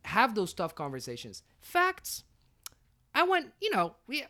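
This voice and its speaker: A young man chats casually as a podcast co-host. His voice sits high and swings widely in pitch, and his talk is full of slang and joking. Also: wildly swooping pitch, a little slow, bright, forceful tone. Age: young adult. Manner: slangy, jokey. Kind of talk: casual banter podcast chat.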